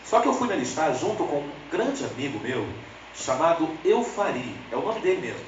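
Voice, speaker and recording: A Brazilian lay preacher, speaking a little fast with a Brazilian Portuguese accent, tells funny stories from the pulpit and chats directly with the congregation, jumping into lively high voices when quoting people. The lo-fi recording carries slight hiss or hum and sounds slightly distant in an echoey church sanctuary.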